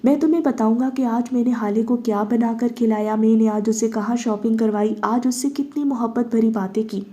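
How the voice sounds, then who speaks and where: Woman reading a calm, cruel avenging man, mellow dark tone. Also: on the high side, lightly acted. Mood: cold menace. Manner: cold, measured, cruel. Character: cold vengeful husband, grown man.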